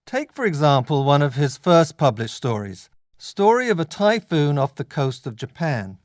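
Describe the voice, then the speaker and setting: A man performing as a scholarly male literature lecturer with a slightly raised pitch. He explains things in deliberate, measured phrases, as in a scripted academic lecture. The sound is dry, with little room echo. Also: natural voice.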